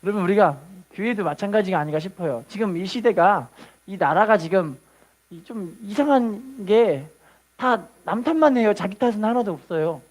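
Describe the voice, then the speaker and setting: A woman's voice: medium pitch, lively intonation, moderate pace, darkish tone. A woman preaching a Sunday sermon, exhorting the congregation and leading them in call-and-response.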